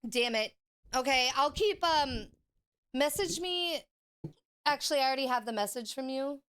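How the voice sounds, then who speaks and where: A woman's voice: sits high, expressive, moderate pace, fairly bright tone, clear, resonant tone. A young woman streaming games who chats casually, rambles and swears, with the hiccups. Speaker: gaming streamer. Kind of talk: casual livestream chat.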